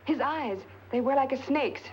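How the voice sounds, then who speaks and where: A woman's voice: sits high, normal speed, slight background noise, close to an everyday voice. An actress playing an anxious, earnest woman recalling a stranger, speaking hesitantly, on a dull 1940s film soundtrack. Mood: worried.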